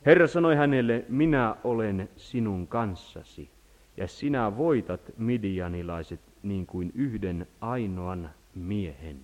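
A man preaching a sermon, swinging between loud cries and hushed low tones. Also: lively intonation, lo-fi sound. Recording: long hall reverb.

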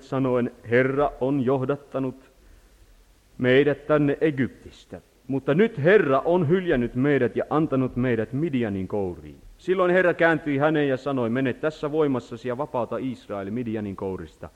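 A man preaching with dramatic swings, rising to loud pleading cries, then dropping to hushed, quiet tones. His voice sits at a middling pitch, and a long reverb trails each phrase through the church hall. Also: muffled recording. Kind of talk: sermon.

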